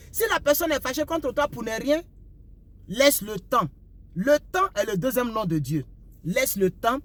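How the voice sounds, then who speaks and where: A young adult man from Ivory Coast, speaking with an Ivorian French accent, hands out repetitive, preachy life advice in casual talk while driving, asking "vous comprenez un peu?". His voice is very high-pitched and fairly bright. Faint road and car noise can be heard inside the moving car.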